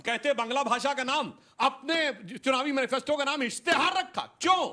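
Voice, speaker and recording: A man's voice: very high voice, a little fast, sharp tone. A man arguing as a panelist in a heated TV debate, insistently demanding to be heard.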